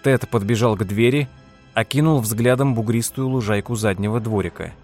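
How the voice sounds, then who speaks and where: A man narrating an audiobook in a steady, measured reading style. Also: mid-range voice, faint music behind. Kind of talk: scripted narration.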